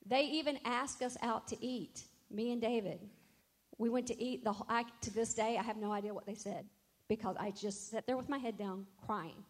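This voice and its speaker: A woman's voice: fairly high pitch, steady tone, moderate pace. A middle-aged woman, a worship leader, telling a personal faith testimony in an earnest, reflective way and quoting scripture.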